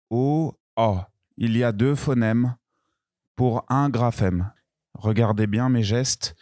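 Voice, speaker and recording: A man teaching beginners how to pronounce a vowel. He speaks extremely slowly and deliberately, saying each word twice and drawing out the sounds. His mid-pitched voice is recorded dry and close, with no room echo. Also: darkish tone. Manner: very slow, careful, repeating words and drawing out vowels. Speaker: French teacher. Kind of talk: slow beginner pronunciation lesson.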